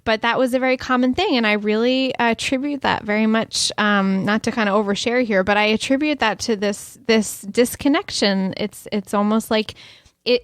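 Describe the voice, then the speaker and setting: A woman's voice: medium pitch, no echo, studio quality. A woman in her thirties co-hosting a podcast, talking in a chatty, reflective way and laughing often. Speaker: podcast co-host. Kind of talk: casual podcast chat.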